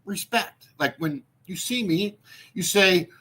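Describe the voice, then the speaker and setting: This channel host, a man in his sixties, speaks slowly in a high voice with a sharp tone and a breathy edge. His casual vlog talk rambles with many fillers and restarts, and he's mocking, laughing at his own jokes.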